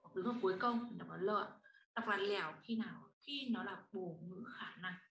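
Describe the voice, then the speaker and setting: In an online class, a woman teaches language, explaining grammar patiently and asking students to read and answer. Her voice is medium-pitched and fairly bright, at a normal speed. The recording has a roomy echo and faint noise.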